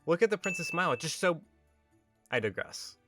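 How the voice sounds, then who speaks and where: A man's voice: on the high side, very animated, moderate pace, over music. A man giving a comedic, scripted movie review as a voice-over, sarcastic and exasperated, often ranting. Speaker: video reviewer.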